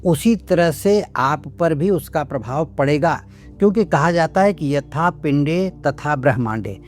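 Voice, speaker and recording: Older man, astrologer, lecturing explainer talk, fairly high voice, faint music behind. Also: lively intonation, unhurried. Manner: lecturing, lists points one by one.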